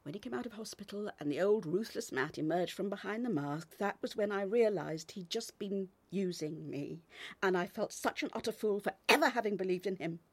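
A remorseful, pleading wife. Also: female voice, mid-range voice, lively intonation, brisk. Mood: earnest. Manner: soft, hesitant and pleading, often dropping to a near whisper. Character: remorseful woman confessing to her wounded partner. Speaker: actor in a radio drama. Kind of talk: radio drama acting.

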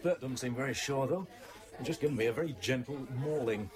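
A man's voice: medium pitch, a little fast, natural voice. An actor playing a genial, courteous village man in a naturalistic radio soap. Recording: lively gathering chatter behind.

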